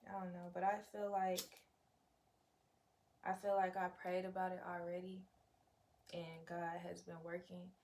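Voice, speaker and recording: Casting: young female vlogger, slightly low voice, loose rambling slangy chat with casual cursing, noticeable background noise. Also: monotone, a little slow, pauses often, a little mellow. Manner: unfiltered, rambling, profanity-laced, slangy. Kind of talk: casual chatty vlog, talking to viewers. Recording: clear background noise, room ambience.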